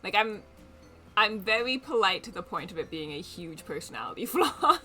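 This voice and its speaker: A woman's voice: medium pitch, very animated, normal speed, sharp tone, faint music behind. A young woman streaming a dating game, chatting casually and reading the game text aloud with giggly asides. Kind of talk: casual let's play chat and reading aloud.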